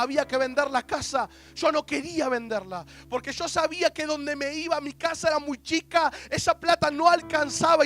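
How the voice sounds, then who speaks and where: High-voiced young preacher. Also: male voice, a bit bright. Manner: emotional storytelling with quoted dialogue. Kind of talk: testimony sermon.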